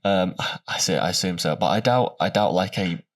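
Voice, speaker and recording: A very low male voice, stuffed up with a cold and nasal as though the nose is pinched shut. He chats casually as a podcast co-host, and sounds slightly distant from the microphone. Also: moderate pace. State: ill with a cold.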